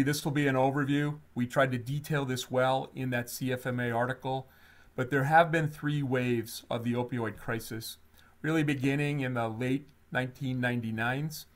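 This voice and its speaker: Male webinar co-host, mid-pitched, chatty and animated, runs polls and slides. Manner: animated, conversational with fillers. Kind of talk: webinar presentation.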